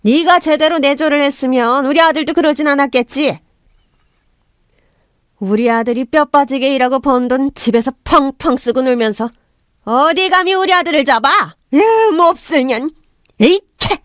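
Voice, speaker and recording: A high, piercing voice of a haughty middle-aged mother-in-law, put on by a woman reading a radio story. She scolds with contempt and curses freely. The sound is close and dry. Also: lively intonation, normal speed, dry recording. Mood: contemptuous.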